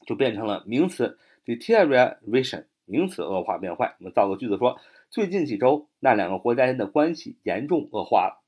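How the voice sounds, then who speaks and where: A man teaching exam vocabulary, spelling each word letter by letter, repeating it slowly, and ending phrases with a drawn-out "ah". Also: mid-range voice, sing-song, a little mellow, slightly rough. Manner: ends phrases with drawn-out "啊" fillers.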